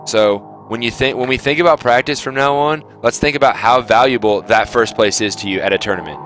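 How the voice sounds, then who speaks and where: A man's voice: mid-range voice, fairly quick, a bit bright, soft background music. A young man giving his gaming team a blunt, lecturing talk on their attitude, swearing freely. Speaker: team captain.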